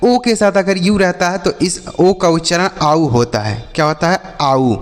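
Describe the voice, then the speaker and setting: A man's voice: high voice, moderate pace, in a large hall. A male English teacher giving a phonics lesson to children, spelling words letter by letter and then asking and answering his own questions. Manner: addresses viewers as dear brother and children.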